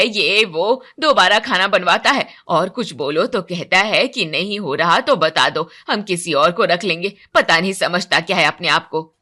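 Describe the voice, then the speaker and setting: Woman putting on a tired housemaid mother, short-tempered, grumbling, bright voice, animated story narration. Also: mid-range voice, voice pushed down. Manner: irritated, scolding.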